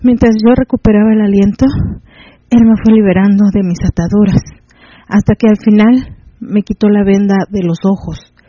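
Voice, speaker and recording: A man narrating a first-person erotic story in a measured, intimate way. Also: sits high, steady tone, warm tone, no echo, lo-fi sound.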